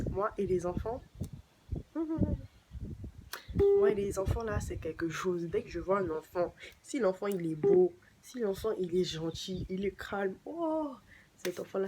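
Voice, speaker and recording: A young woman vlogging casually to camera in a chatty, playful way, with sudden leaps up in pitch. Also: normal speed, very noisy.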